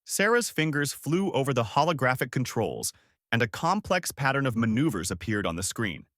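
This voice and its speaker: Male sci-fi narrator, lively dramatic reading, dry studio sound. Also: mid-range voice, moderate pace, dry recording. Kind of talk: scripted sci-fi story narration.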